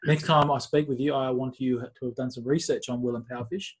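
A man's voice: medium pitch, steady tone, quick pace. A man with an Australian accent chatting casually with mates in a teasing, blokey way. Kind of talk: casual group chat.

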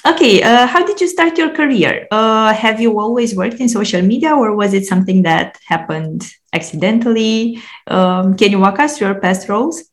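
A woman's voice: mid-range voice, lively intonation, moderate pace, few pauses. Woman hosting a podcast interview. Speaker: podcast host.

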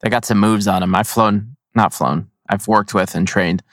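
A man's voice: fairly low pitch, normal speed, no echo, clean studio sound. A man hosting a casual chat in an informal, slangy and encouraging way. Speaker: host.

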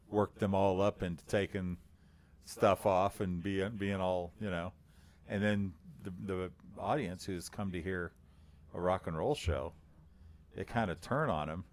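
A man co-hosting a casual chat podcast, telling a story with many fillers and frequent laughter. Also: low-pitched. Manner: laughs often, halting with fillers. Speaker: podcast co-host.

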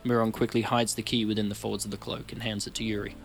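A man narrating a tabletop fantasy game in steady, descriptive storytelling. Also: on the low side, quick pace, gravelly, soft background music.

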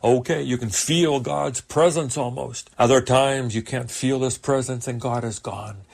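A man's voice: medium pitch, fairly even intonation, unhurried, vocal fry, a little mellow. An older man, a pastor, preaching a sermon with earnest, emphatic rises.

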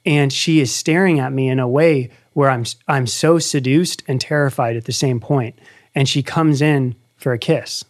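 Here a man in his thirties hosts a podcast, his mid-range voice moving at normal speed. The conversation is casual, and he tells an earnest story with animation.

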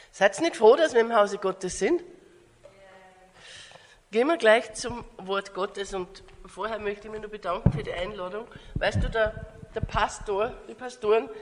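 An Austrian woman with an Austrian German accent, preaching a guest sermon in earnest, rising, emphatic tones. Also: mid-range voice. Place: church hall. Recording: long church hall reverb.

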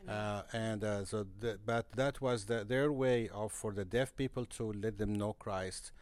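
Guy, deepish voice, dry close sound, earnest and halting, lots of restarts. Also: steady tone, darkish tone, no echo. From Egypt. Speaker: guest, missionary broadcaster. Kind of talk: casual podcast interview. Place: conference center.

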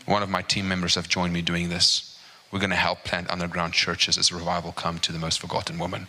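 Guest preacher, male, low-pitched voice with a sharp, forceful edge, emphatic sermon delivery. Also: fairly quick. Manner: emphatic, repeats "right?" and "okay?"; grows higher and more animated as he builds. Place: church service.

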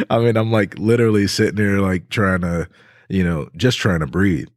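A man's voice: deep voice, unhurried, no room sound, clean studio sound. A man co-hosting a podcast, telling a story in laid-back casual chat with lots of fillers and laughter. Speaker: podcast co-host.

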